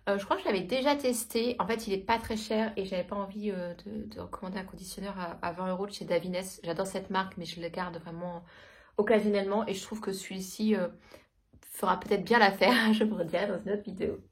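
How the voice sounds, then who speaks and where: A woman's voice: mid-range voice, fairly even intonation, fast. A woman in her thirties chatting casually through a shopping haul, hesitant with many fillers. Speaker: vlogger. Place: home.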